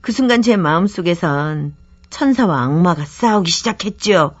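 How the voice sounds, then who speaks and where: A woman radio host reading a listener's letter as expressive first-person comic storytelling. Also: fairly low pitch, normal speed, highs cut off, very noisy.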